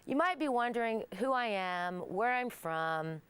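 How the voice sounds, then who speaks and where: A middle-aged woman from Kansas, hosting a show and speaking clearly and deliberately for listeners learning English. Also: on the high side, lively intonation, a bit bright. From Kansas, United States. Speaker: host. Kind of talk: monologue to camera.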